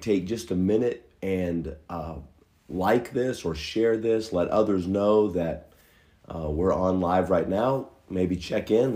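A middle-aged pastor delivers earnest, folksy church announcements to an online audience from his living room. His low, darkish voice is a little hoarse from a cold, and he fills his speech with many pauses.

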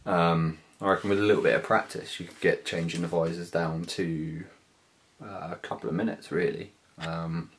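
A British man in his thirties with a deep, low voice talks through gear in a casual vlog style. His delivery is informal, slangy and a little hesitant. The indoor recording carries faint background noise and small handling clicks. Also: fairly even intonation, moderate pace. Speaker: motovlogger. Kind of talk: casual hands-on product walkthrough. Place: small living room, indoors.

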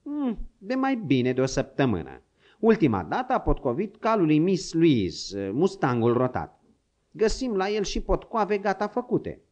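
A man doing a high, eager young servant. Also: huge pitch swings, a little mellow. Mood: helpful.

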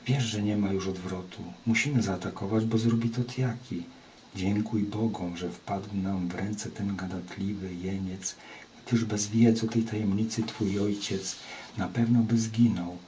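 Male narrator doing a level-headed warrior advisor, measured, flat low delivery. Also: slight background noise, lightly acted, low-quality recording. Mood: steady. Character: calm, wise male warrior friend and advisor.

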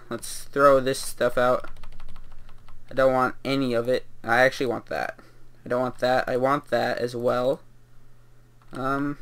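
A man's voice: mid-range voice, a bit bright. A young man giving casual, rambling commentary while playing a video game, with lots of fillers and laughter. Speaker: gameplay commentator.

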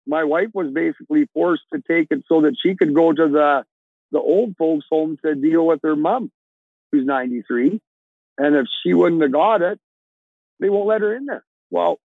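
Plain-spoken trucker on a tinny call. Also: male voice, a little high, no echo. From Alberta, Canada. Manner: plain-spoken, rambling with restarts. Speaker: trucker guest. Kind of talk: casual interview over video call. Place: inside a truck cab. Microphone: earbuds on a video call. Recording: dry, tinny video call audio.

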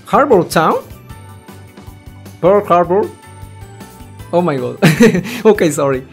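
With faint music behind him, this let's player reads a visual novel aloud and reacts casually, rambling, tripping over words and swearing a little. He speaks slowly in a high-pitched, gravelly voice with big pitch swings.

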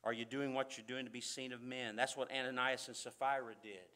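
A man preaching a sermon in a church, fervent, swinging from loud emphasis to quiet asides. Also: mid-range voice, flat delivery, brisk.

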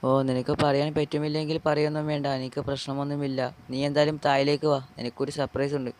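A man's voice: on the high side, flat delivery, fast, darkish tone, slight background noise, natural voice. A man voicing a loyal, playful best friend in an amateur dub of a game short film. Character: loyal male best friend, cheerful and teasing.

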